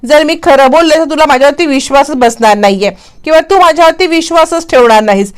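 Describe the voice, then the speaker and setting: Brief: prickly young wife, snapping back, voiced by a woman narrator, high voice. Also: fast talker, natural voice. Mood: defensive. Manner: contrary, defensive retorts. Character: stubborn touchy young wife.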